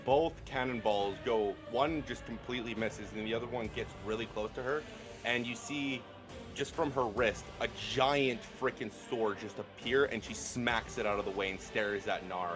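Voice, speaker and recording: A man acting as game master, narrating a tabletop fantasy game with suspenseful, drawn-out phrasing. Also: medium pitch, over music.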